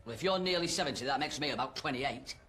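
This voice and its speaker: A man's voice: medium pitch, animated, quick pace, pushed and bright. An actor playing an exasperated, put-upon male holidaymaker who rants and swears. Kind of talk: sitcom acting.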